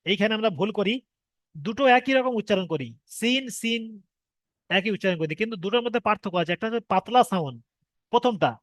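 Patient high-voiced male Quran teacher. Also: expressive, no echo. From Bengal. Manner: patient, repeats each point, asks students if they understood; draws out letter sounds slowly as examples. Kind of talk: online Arabic letters lesson.

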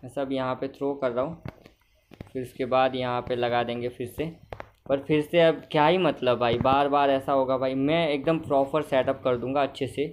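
Young man, casual gameplay commentary, chatty, mid-pitched voice, faint background hiss. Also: steady tone, normal speed. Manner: chatty, talks to himself, keeps saying brother; gets loud and scolding with game characters. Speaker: gamer.

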